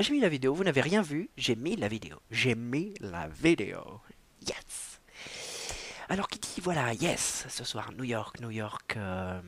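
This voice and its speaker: A man with a mid-range voice and some vocal fry hosts a solo livestream, chatting casually. He rambles and pokes fun at himself, stammers and restarts, and drops in bits of playful mock English.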